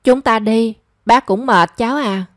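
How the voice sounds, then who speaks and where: A kind, ailing elderly woman speaks gently and protectively, voiced by a woman narrator. The voice is fairly high and close, with a dry sound. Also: measured pace, no echo, close to an everyday voice. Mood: concerned. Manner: gentle, caring and coaxing.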